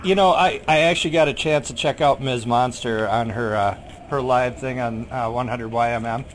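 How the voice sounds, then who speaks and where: A man's voice: medium pitch, moderate pace, slight background noise. A man interviewing casually, agreeable and brief in his responses.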